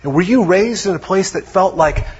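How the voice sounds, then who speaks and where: A man preaching a sermon in a conversational way, dropping to hushed tones for emphasis. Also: high voice, animated, moderate pace, muffled recording, slight background noise. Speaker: pastor.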